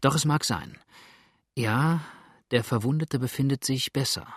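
A man's voice: medium pitch, measured pace, slightly rough, no echo, clean studio sound. A male audiobook reader voicing an earnest, urgent young farmer. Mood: brooding.

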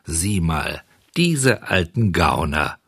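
A man's voice: sits low, big pitch swings, takes it slowly, fairly bright tone, breathy edge, no room sound, studio quality, voice pushed down, heavily acted. A man voicing a cheeky but repentant puppet boy in an audiobook, with a raised boyish tone. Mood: scornful. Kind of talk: audiobook character voice.

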